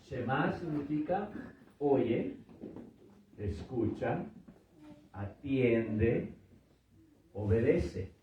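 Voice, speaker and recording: A man's voice: mid-range voice, animated, drawn-out words, pauses often, slight background noise. A middle-aged man teaching a church seminar, patiently repeating words and checking in with his listeners. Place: church hall with audience. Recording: echoey hall from far off, dull.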